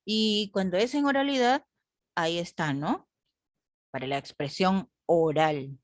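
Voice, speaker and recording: A woman's voice: fairly low pitch, a little slow, dry recording, clean studio sound. A woman teacher lecturing a class online, asking the group rhetorical questions and often adding "¿no?".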